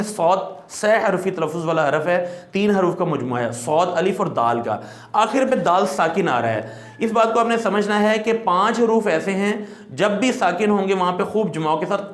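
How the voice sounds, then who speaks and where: A man with a high voice teaches a recitation class. He explains patiently and stretches letter sounds into long demonstrations. The room adds a clear echo. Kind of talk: classroom lesson.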